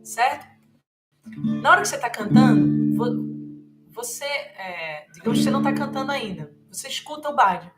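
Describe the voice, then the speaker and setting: A woman's voice: high-pitched, animated, brisk. A woman music teacher giving a live guitar lesson, who sings short mantra lines and then patiently explains the chord changes, with frequent fillers. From Brazil. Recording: faint guitar playing behind the voice.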